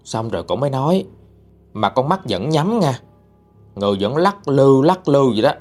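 A man's voice: medium pitch, very animated, normal speed, a little mellow, soft background music. Dramatic male storyteller. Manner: chatty, dramatic, addresses listeners directly. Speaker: ghost story narrator. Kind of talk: storytelling narration.

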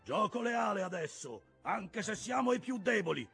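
A man's voice: high-pitched, sing-song, normal speed, gravelly, a bit bright, breathy edge, faint music behind, voice pushed up, full character voice. A man voicing a proud, obsessed old sea captain giving commands in an audiobook. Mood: defiant command. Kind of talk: audiobook character voice.

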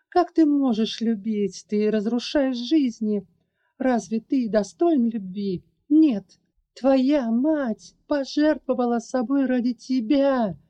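A woman voicing a fierce young dragoness who defends orphans, accusing and high-strung. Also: warm tone, lo-fi sound. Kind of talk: audiobook character voice.

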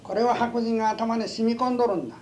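A man's voice: very high-pitched, fairly even intonation, quick pace, darkish tone. An older man with a western Japanese dialect, talking in a folksy, opinionated and emphatic way as he reminisces in an interview. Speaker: oral history interviewee, stone collector. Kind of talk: conversational reminiscence. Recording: noisy amateur interview tape.

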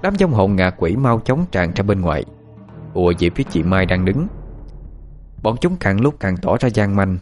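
A man narrates a horror tale in a low voice with a southern Vietnamese accent. The reading is scripted and dramatic, set over quiet music. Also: sing-song, normal speed. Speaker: storyteller. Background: faint music.

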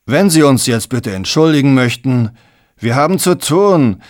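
A man's voice: mid-range voice, unhurried, no echo, studio quality, pitched above the performer's own voice, close to an everyday voice. A man doing a stocky unbothered squatter. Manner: calm, dismissive politeness. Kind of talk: audiobook character voice.

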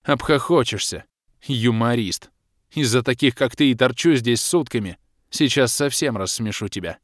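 A man's voice: medium pitch, moderate pace, dry recording, lightly acted. A man reading an audiobook, voicing a tired, sardonic young woman with a dry, sulky delivery. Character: weary sharp-tongued young woman, a baroness.

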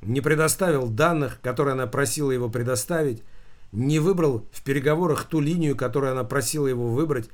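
A man narrating a story in an even, storytelling manner. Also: mid-range voice, quick pace. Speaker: audiobook narrator. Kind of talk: scripted narration.

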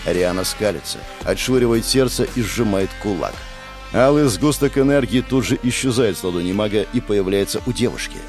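A man giving expressive first-person narration of a dramatic audiobook, recorded on a dry close mic with faint music. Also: lowish voice, fairly quick.

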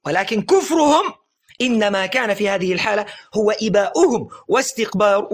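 A religious teacher with a high, slightly bright voice delivers a lesson in an earnest, lecturing way. He often tells listeners to pay attention, stresses phrases slowly, and lets his voice fall at the end of sentences.

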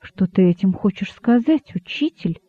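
A man reading an audiobook, voicing an excitable young rabbit who pleads and exclaims. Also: sits high, normal speed, no echo. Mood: alarmed. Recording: dry, narrow phone-like sound.

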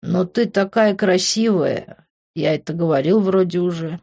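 A woman voicing a drunk, remorseful young man who growls and then pleads in a low voice. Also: a little slow, gravelly, darkish tone, muffled recording.

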